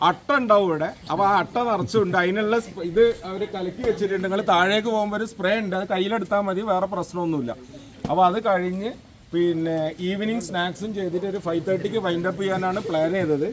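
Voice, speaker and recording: A man's voice: sits high, fairly even intonation, quick pace. A man with a Kerala Malayalam accent informally welcoming and briefing a group as organiser, mixing many English words into Malayalam. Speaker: event organiser.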